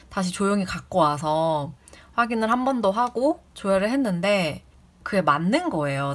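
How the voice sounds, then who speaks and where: A woman who used to work as a community office clerk tells a story about a rude visitor in a casual way. She sounds indignant and acts out the people she quotes in raised voices. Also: medium pitch.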